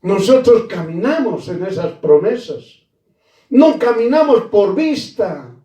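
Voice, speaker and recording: A man preaching a sermon at a very slow pace, his fairly high voice rising and falling. His tone is dark and mellow, and he leans on repeated phrases. He sounds a little far from the mic in a roomy, echoing space. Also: sing-song. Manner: addresses listeners as brother.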